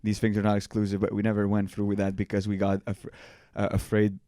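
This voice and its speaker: A young adult man, a comedian co-hosting a podcast, telling stories in animated casual banter with frequent laughs. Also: lowish voice, fast, dry recording, clean studio sound.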